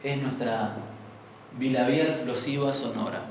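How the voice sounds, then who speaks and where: A man's voice: mid-range voice, fairly even intonation, unhurried, far from the mic, a little hiss or hum. Argentine man lecturing in an echoey classroom. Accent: Argentine Spanish. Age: young adult. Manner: explanatory, asks the class for agreement. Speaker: teacher. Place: university classroom. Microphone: far room microphone. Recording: very echoey room recorded from afar.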